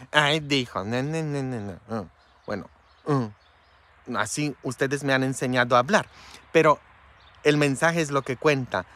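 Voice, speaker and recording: A man's voice: medium pitch, bright, forceful tone. A man, a priest whose first language is Polish, preaching in a frank, tender way and often adding "mm?" to check in with listeners. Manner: frank and tender, with constant "mm?" tag questions. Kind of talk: informal preaching talk.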